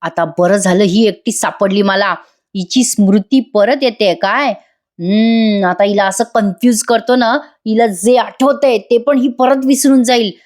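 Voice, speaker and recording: A woman's voice: medium pitch, unhurried, a little mellow, close to an everyday voice. A woman voicing a scheming middle-aged man who coaxes and wheedles. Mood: plotting. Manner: coaxing, wheedling.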